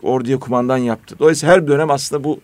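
A man in a casual discussion, telling stories in an earnest, animated way. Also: mid-range voice, quick pace, no echo.

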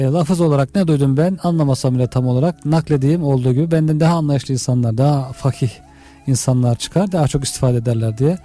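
A man gives earnest religious explanations in a discussion. His voice is very dark and mellow at an ordinary male pitch, and he talks fast, with music behind him.

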